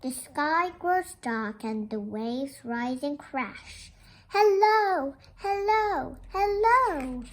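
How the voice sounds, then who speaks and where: A young girl reads a children's picture book aloud, explaining it and posing questions like a little teacher. Her female voice sits high, with lively intonation and a very slow pace.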